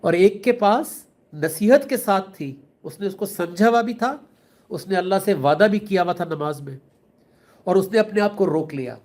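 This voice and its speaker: A man's voice: sits high, animated, darkish tone. A man with a Pakistani accent giving an earnest religious talk, explaining with everyday examples and mixing in English words. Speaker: Islamic speaker.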